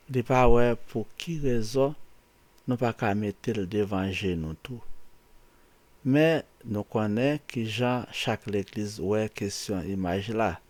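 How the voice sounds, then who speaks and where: A man's voice: lowish voice, a little mellow. A man with a Haitian accent, hosting a daily reflection on the saints and urging listeners on with proverbs and Bible verses. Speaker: host of a daily saints channel. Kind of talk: spoken religious reflection.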